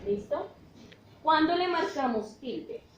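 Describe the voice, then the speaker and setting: Woman teacher, slow and patient, slightly high voice, echoey room. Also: expressive, dull audio, a little hiss or hum. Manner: slow and patient, checks in often with "¿listo?". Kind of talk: spanish grammar lesson.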